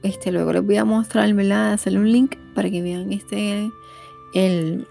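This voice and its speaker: A woman's voice: medium pitch, steady tone, measured pace, gravelly, warm tone, faint music behind. A middle-aged woman with a Puerto Rican accent, talking casually about parenting and peppering her speech with "¿verdad?". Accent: Puerto Rican Spanish. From Puerto Rico. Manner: conversational, frequent "¿verdad?" fillers. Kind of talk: casual monologue.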